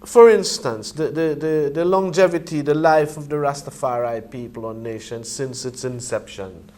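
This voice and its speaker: A man's voice: on the high side, moderate pace, darkish tone. A man with a Caribbean accent speaking in a Rastafarian manner, making emphatic points in conversational reasoning. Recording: clearly noisy ambient background.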